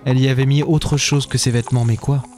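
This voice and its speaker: A man with a wry, deadpan delivery, narrating a comic radio serial as its lead character. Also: medium pitch, quick pace, soft background music.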